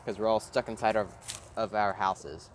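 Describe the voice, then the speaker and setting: A man's voice: lowish voice, fairly even intonation, normal speed, slight background noise. A man casually narrating a made-up fan story, rambling, with fillers and the odd swear word.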